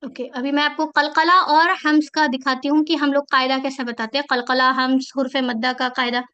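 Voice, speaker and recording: Woman teaching, high-pitched, chants syllables singsong. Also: level tone, fairly quick, sharp tone, highs cut off. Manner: explaining with frequent "theek hai" checks. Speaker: Quran teacher. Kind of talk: teacher training workshop lesson.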